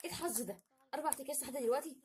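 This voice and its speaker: A young woman with an Egyptian Arabic accent speaks in a high, rapid-fire voice. She hosts a home challenge vlog, chatting casually and playfully while unboxing. The home recording is noisy, with packets crinkling.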